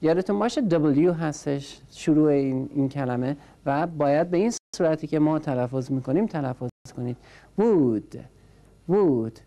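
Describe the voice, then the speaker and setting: A woman with a low, mellow voice teaches a small class of learners. She speaks patiently and repeats each word several times. She calls on each learner to say it back. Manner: patient, drills words by repetition and prompts learners. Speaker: English teacher. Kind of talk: classroom language lesson.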